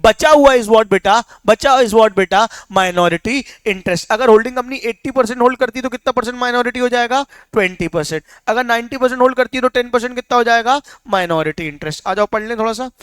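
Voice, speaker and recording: A young man teaching a lecture, coaxing students with constant quick questions and mixing English terms into his speech. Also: very high voice, fairly bright tone, clean tone, dry recording. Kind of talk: classroom lecture.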